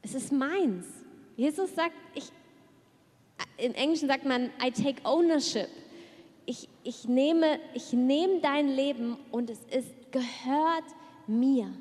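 A woman pastor preaching an earnest sermon, dropping to a hush at prayerful moments. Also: high voice. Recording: long reverb of a church hall.

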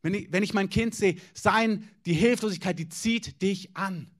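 High-voiced preaching pastor. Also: male voice, moderate pace. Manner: direct, informal preaching with questions to the congregation. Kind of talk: sermon.

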